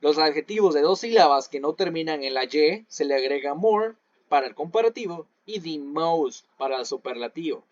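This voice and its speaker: Guy teaching english over a call, kinda high voice, muffled lo-fi sound, goes over every example twice. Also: expressive, normal speed, no echo. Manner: patient, repeats each example in English then Spanish. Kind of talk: online class explanation.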